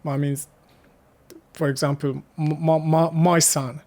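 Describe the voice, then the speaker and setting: An Afghan man, appearing as a guest in a casual interview, speaks halting English as a second language, restarting his sentences and laughing softly. His voice is slightly high with a level tone.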